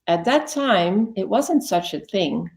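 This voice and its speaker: An animated Belgian woman in her fifties, medium-pitched and unhurried, talks through her life as an interview guest. Her manner is chatty and self-correcting, peppered with "like."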